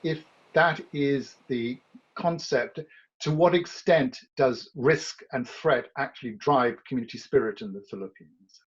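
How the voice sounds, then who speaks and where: A husky-voiced man speaking at a middle pitch, weighing each point with care. The sound is a little dull, as if from a lo-fi recording. He hedges often and works his way through ideas slowly. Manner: measured, hedging, reflective. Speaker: commentator on society and history. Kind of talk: documentary interview.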